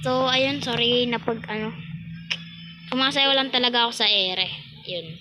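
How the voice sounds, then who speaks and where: A woman's voice: a little high, steady tone, measured pace, noisy background. A woman with a Filipino accent giving chatty, laughing commentary on a Roblox game, talking to her viewers. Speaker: gaming YouTuber. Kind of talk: casual Roblox gameplay commentary. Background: game music.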